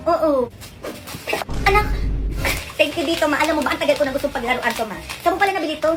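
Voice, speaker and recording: A woman's voice: high voice, expressive, quick pace, heavy background noise. Woman doing cheeky schoolboy Junjun. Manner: cheeky, teasing. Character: cheeky schoolboy son, teasing his mother. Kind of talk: comedy skit role-play. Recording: music playing underneath.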